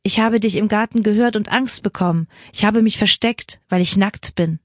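A woman's voice: medium pitch, moderate pace, no room sound, studio quality, natural voice. Adam, fearful first man, read by a woman. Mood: anxious.

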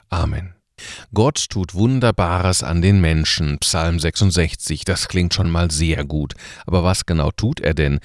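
A man's voice: low voice, darkish tone, no room sound, studio quality. A man leading a short radio service and preaching in a colloquial, ironic way. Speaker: pastor. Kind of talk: radio sermon.

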